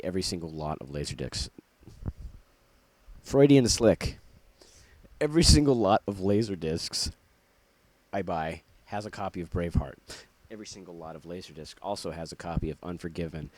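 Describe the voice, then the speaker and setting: A man's voice: low-pitched, darkish tone. A man casually showing off his laserdisc collection, jokey and rambling, with puns and asides. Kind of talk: casual show-and-tell vlog.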